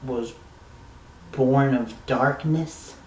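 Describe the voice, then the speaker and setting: A man's voice: mid-range voice, extremely slow, a little mellow, echoey room, far from the mic, a little hiss or hum, poor audio. A man giving a casual, rambling, enthusiastic review of a TV episode, swearing now and then.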